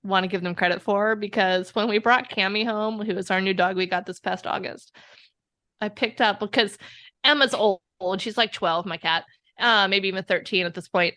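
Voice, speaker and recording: A woman guest in a casual conversation, telling animated stories and laughing often. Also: mid-range voice, normal speed. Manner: chatty, animated storyteller who laughs often. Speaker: podcast guest.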